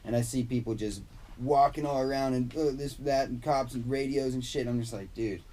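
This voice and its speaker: A man's voice: mid-range voice, steady tone, moderate pace, dark tone. A young man chatting casually as an interview guest, laid-back, slangy and sweary. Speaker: interview guest, motocross rider. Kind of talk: casual chat.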